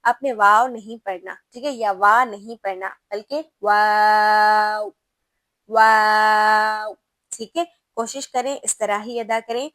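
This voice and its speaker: A woman teaching a tajweed lesson, explaining patiently and drawing out each letter sound slowly. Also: a little high, fairly bright tone, dry recording. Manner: patient, explanatory, slow drawn-out sound demos. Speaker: Quran recitation teacher.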